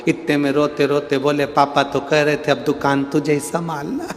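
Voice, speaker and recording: A man giving a devotional storytelling sermon at a large religious gathering, acting out the people in a folksy parable and swinging from loud to hushed. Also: fairly high pitch, flat delivery, moderate pace, slight background noise. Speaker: preacher. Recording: long hall reverb.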